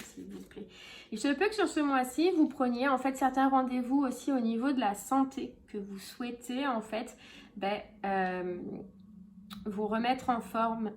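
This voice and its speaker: A woman's voice: fairly high pitch, darkish tone, a little hiss or hum. A woman giving a casual tarot reading, chatty and full of fillers and repeated phrases. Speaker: tarot reader.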